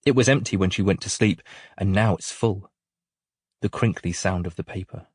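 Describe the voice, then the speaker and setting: A man with a fairly low voice reads a novel in a calm, measured way, letting his level sink softly at quiet moments. He sits close to the mic in a dry, deadened booth with no room sound around him. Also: husky, dry recording. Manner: calm, measured, gentle storytelling with soft drops in volume. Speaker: audiobook narrator. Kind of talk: scripted narration of a novel.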